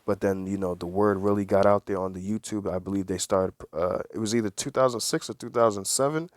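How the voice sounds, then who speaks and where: A man's voice: fairly low pitch, fairly quick, dry recording. A man giving preachy religious commentary, reading aloud and stressing words, repeating phrases and asking rhetorical questions.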